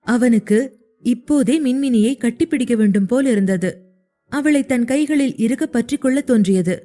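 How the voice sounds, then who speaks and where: A woman narrating an audio story in an even, steady reading voice. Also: on the high side. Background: faint music.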